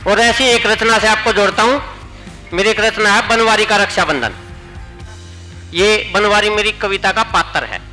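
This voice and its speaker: A man's voice: sits high, moderate pace, sharp tone, soft background music, poor audio. A man with a Haryanvi accent reciting comic poems on stage, playfully repeating his punchlines for the audience. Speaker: comic poet. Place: stage at a poetry gathering.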